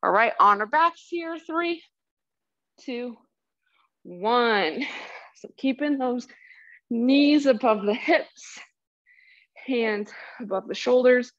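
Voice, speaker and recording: Casting: woman fitness coach, fairly high voice, slightly breathless, encouraging countdown cues, muffled lo-fi audio. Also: expressive, takes it slowly, long pauses, a bit bright. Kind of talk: workout instruction. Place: exercise space.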